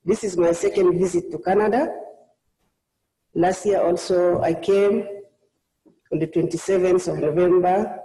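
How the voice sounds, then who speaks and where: A woman's voice: lowish voice, warm tone, reverberant, low-quality recording. A woman from Sudan, preaching a sermon as a guest in a church, earnest and personal. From South Sudan. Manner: earnest, personal testimony with frequent restarts.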